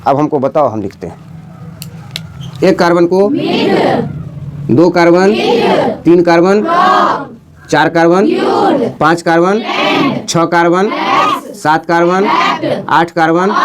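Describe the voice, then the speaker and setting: A male teacher from India giving a classroom chemistry lesson, asking "got it?" over and over and chanting lists slowly. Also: a little high, very noisy. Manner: repetitive, quizzing students with "समझ गए?".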